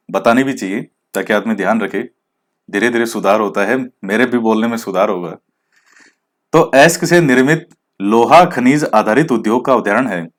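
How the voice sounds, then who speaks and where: A male teacher gives an exam-prep lecture at a steady, middle pitch. He explains a point, then turns it into a question and answers it himself, slipping English words into the talk. He is open about the rustic edge of his pronunciation. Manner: mixes English words into Hindi.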